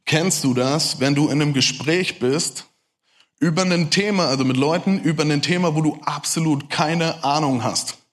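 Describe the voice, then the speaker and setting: A high-voiced man with a German accent preaches to a crowd at a quick clip. He talks to his listeners directly, tossing them questions as he goes. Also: fairly bright tone. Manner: fast-talking, addresses the audience directly. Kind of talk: lively sermon talk to a crowd.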